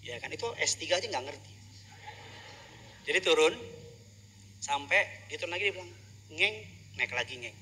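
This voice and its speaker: A male pastor delivering a humorous sermon, telling jokey stories and building up to loud preaching. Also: fairly high pitch, animated, moderate pace, long pauses, slight background noise.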